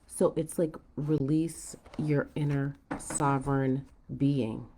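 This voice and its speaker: Woman w low voice doing mystical horoscope card reading, chatty, bit of noise n clicks at home. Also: steady tone, takes it slowly, warm tone. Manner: musing aloud, checking in with "right?". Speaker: tarot reader hosting a forecast. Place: at home, indoors.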